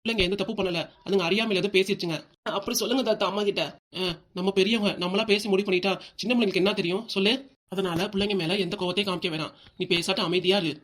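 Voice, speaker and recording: A woman voicing a kindly grandfather who gently reasons with the family, with a southern Tamil accent. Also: mid-range voice, steady tone, quick pace, natural voice. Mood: calm reasoning.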